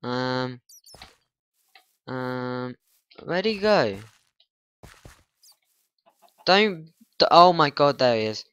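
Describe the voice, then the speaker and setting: A man's voice: medium pitch, lively intonation, very slow, long pauses, a bit bright, smooth, highs cut off. A man rambling through let's-play commentary, flustered, grumbling and poking fun at himself. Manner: flustered, grumbling, self-mocking. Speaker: gaming channel host.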